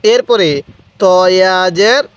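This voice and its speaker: A man teaching Quran reading, slowly and deliberately drawing out syllables for learners to repeat after him. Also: sits high, no room sound. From Bangladesh. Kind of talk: recitation lesson, repeat-after-me drill.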